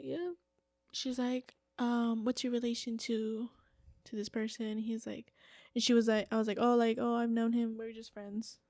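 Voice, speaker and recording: A woman in her twenties with a fairly high, creaky voice appears as a podcast guest, telling a story in casual chat. She's animated, acts out the quotes and says "like" a lot. The studio-quality recording has no room sound.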